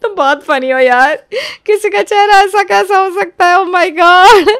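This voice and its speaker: A woman's voice: very high-pitched, unhurried, fairly bright tone, heavily acted. A woman voicing a teasing, giggly elder sister-in-law in a cartoon story. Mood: delighted.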